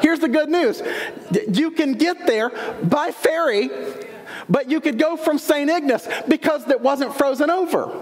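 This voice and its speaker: A man preaching a sermon, telling a lively personal story with acted-out dialogue. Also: very high-pitched. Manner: lively storyteller, acts out dialogue, laughs along. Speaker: pastor. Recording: long reverb of a large hall.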